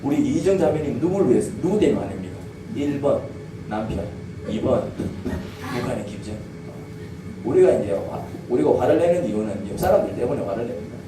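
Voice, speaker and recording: A man's voice: medium pitch, sing-song, fairly quick. A male pastor preaching a sermon to his congregation, asking them questions and drawing spoken replies. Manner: asks the congregation questions and draws call-and-response replies. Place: church sanctuary. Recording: echoey church hall, distant mic, background noise.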